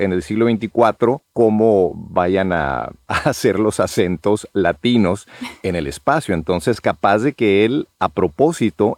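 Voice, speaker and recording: Mexican male panelist, low pitch, dry recording, hesitant and reflective. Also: a little mellow, no echo. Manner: thoughtful, hesitant with many fillers. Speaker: actor, panelist. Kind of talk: casual panel discussion.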